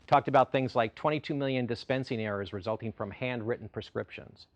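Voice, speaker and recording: A man's voice: mid-range voice, a little fast. A middle-aged man giving a corporate keynote with polished enthusiasm, repeating phrases for emphasis. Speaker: CEO keynote speaker.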